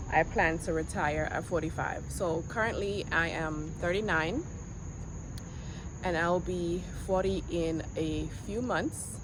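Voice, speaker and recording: Standing on a quiet street, a woman in her forties, originally from Jamaica, talks to her handheld camera in a casual vlog. Her lowish voice sounds earnest and reflective, broken by pauses and restarts, while insects buzz and vehicles pass.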